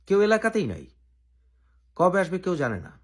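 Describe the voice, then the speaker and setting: This Bangladeshi channel host gives opinionated political commentary, setting out his case point by point with deliberate pauses. His voice is high and breathy-edged, with wildly swooping pitch.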